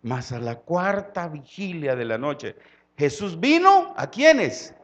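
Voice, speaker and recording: A man from El Salvador with a Salvadoran Spanish accent, preaching a sermon. He swings from quiet, low-spoken passages to loud, impassioned calls. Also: big pitch swings, slow pace.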